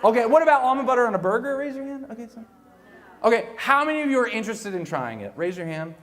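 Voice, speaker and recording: A man with a high, bouncing voice gives an animated keynote, chatty and playful, speaking straight to his listeners. His voice carries through a large, echoey hall. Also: fast talker. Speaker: keynote speaker, director of evangelization. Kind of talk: lively keynote talk.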